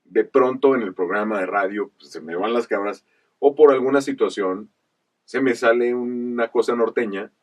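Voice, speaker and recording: A voice actor from Chihuahua in northern Mexico appears as an interview guest, telling stories from his career in a casual setting. His mid-range voice sounds measured and explanatory, broken up by animated asides, and he is slightly distant from the mic.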